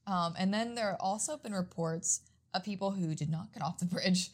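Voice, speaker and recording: A woman co-host casually recounting what she has read, in a relaxed way and laughing easily. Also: mid-range voice, normal speed. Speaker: podcast co-host presenting the research. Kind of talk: casual conversational storytelling.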